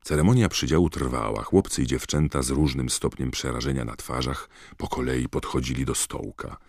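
A man reading an audiobook in a steady, measured storytelling manner. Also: extremely low pitch, gravelly, no echo, clean studio sound. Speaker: audiobook narrator. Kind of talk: scripted narration.

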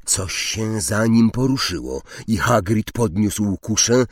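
A man giving calm, measured storybook narration. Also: fairly low pitch, dry recording, studio quality. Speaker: audiobook narrator.

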